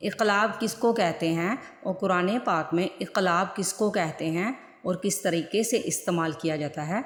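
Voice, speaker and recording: Woman teaching quran reading, lowish voice, asks questions and repeats stuff, echoey room. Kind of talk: online recitation lesson. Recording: echoey room with long reverb.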